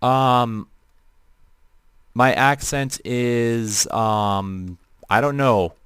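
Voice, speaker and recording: A man's voice: mid-range voice, extremely slow, a bit bright, smooth, dry recording. A young man with a Midwestern American accent, rambling casually as he streams a game and chats with viewers. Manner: rambling, chatty, talks to chat viewers. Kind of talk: casual live-stream commentary.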